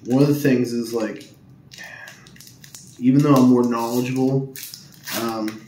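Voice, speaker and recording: A man speaks in a low, hushed monotone as he opens card packs at home, trailing off into ums and uhs. His voice bounces around a reverberant room over a faint hiss of ambient noise. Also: measured pace. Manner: monotone, hushed tone to avoid waking others; rambling with many ums and uhs. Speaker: Pokemon card opening YouTuber. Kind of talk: casual hushed pack-opening vlog. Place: at home indoors.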